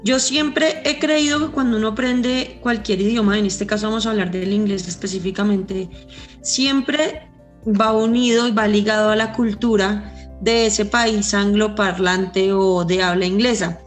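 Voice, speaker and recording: A woman's voice: mid-range voice, fairly even intonation, unhurried, faint music behind. A woman from Colombia with a Colombian accent, an English teacher explaining her view fluently and earnestly with examples. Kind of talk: explanatory panel answer.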